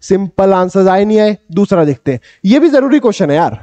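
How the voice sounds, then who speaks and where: A young man teaching a maths lesson in an energetic, coaxing tutoring style, repeating questions back to his students and calling himself their big brother. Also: high voice, fairly quick, no echo. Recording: dull, slightly lo-fi dry recording.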